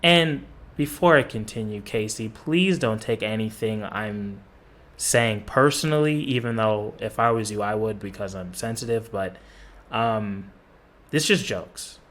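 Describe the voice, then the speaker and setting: A man's voice: fairly low pitch, measured pace, a bit bright. A man doing reaction commentary on a basketball video, with sarcastic, profane trash talk.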